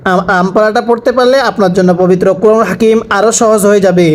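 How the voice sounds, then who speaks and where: A man teaching Quran reading, slowly spelling out letters and their sounds for learners to repeat. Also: sits high, steady tone. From Bangladesh. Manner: slow, deliberate spelling-out of letters with pauses. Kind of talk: slow recitation lesson with repeat-after-me drills.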